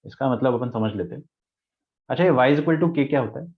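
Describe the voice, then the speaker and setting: A man's voice: mid-range voice, a little fast. A male maths teacher giving an online lecture, mixing Hindi and English, explaining step by step and answering his own questions. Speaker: math teacher. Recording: tinny phone-like lecture audio.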